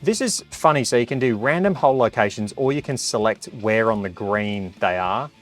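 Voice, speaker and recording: A man's voice: lowish voice, animated, normal speed, soft background music. A man giving a casual hands-on review, chatting and reacting aloud as he plays. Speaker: product reviewer.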